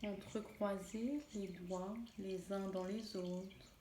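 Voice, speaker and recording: Slow, soothing woman guiding relaxation. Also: mid-range voice, flat delivery. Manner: soothing, gentle, unhurried. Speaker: relaxation guide. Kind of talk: guided relaxation meditation. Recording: roomy echo, clear background noise, birdsong. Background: birdsong and nature ambience.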